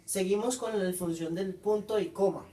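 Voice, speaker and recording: A man, reading out a class presentation on punctuation and coherence, pausing often and correcting himself. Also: sits high, fairly even intonation, mellow, far from the mic. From Colombia. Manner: halting, frequent self-corrections.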